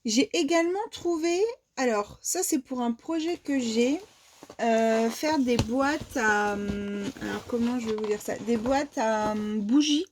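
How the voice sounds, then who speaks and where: A woman's voice: on the high side, measured pace. A woman from France presenting her shopping haul in a casual, hesitant way, with many fillers and restarts. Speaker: vlogger showing a shopping haul. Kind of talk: casual show-and-tell haul.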